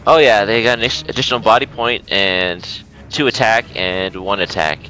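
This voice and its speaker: A man's voice: on the low side, moderate pace, bright, forceful tone, faint music behind. A man playing a board game, hesitant, reading stats and counting spaces aloud. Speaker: player. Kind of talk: casual game chat.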